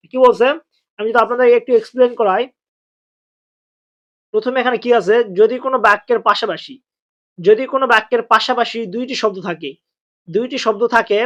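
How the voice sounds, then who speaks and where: Guy teaching pronunciation, repeats stuff slow, spells words out, muffled lo-fi audio. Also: high voice, a bit bright. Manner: repeats phrases slowly, spells words letter by letter. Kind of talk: spoken lesson. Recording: dull lo-fi recording.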